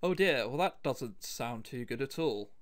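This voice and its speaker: A let's play host reads a visual novel aloud, breaking in with wry, chatty asides between lines and sometimes stumbling over words, with background music playing. His medium-pitched voice is animated and a little slow.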